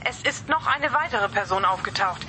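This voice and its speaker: An actor playing a male dispatcher calling a unit over two-way radio, in a brisk, urgent scripted sketch. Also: high-pitched, animated, bright, forceful tone, heavily acted. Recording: noisy radio transmission.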